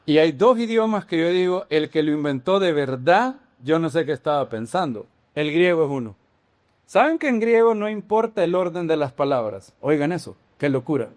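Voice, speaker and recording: A man preaching a sermon, emphatic and deliberate, repeating phrases and putting questions to his congregation. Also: on the high side, big pitch swings.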